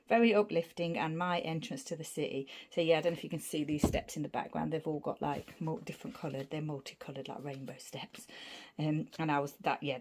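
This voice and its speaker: A woman's voice: on the low side, a little mellow, a little hiss or hum. A woman casually showing her scrapbook layouts, rambling from one piece to the next as she describes the materials. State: out of breath. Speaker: scrapbooking vlogger. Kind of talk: casual craft show-and-tell.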